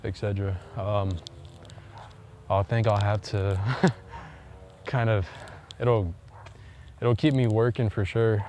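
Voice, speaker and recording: A man's voice: lowish voice, steady tone, takes it slowly. A man vlogging outdoors on a walk, talking in a rambling, hesitant way full of fillers and restarts. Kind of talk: casual chat while walking. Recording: loud wind noise on the mic.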